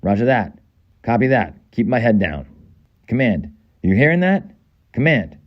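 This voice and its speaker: A man's voice: medium pitch, big pitch swings, measured pace, highs cut off. A man with a Boston accent voicing a tough American soldier in a video game, giving clipped military radio callouts. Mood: clipped, steady. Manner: clipped, urgent military delivery.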